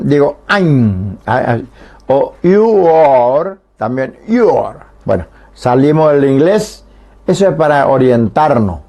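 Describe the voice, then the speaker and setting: Teaching Guarani on the radio, a man with a warm voice on the high side speaks into a studio microphone. His explanations are slow and patient, and he sounds out every vowel to demonstrate.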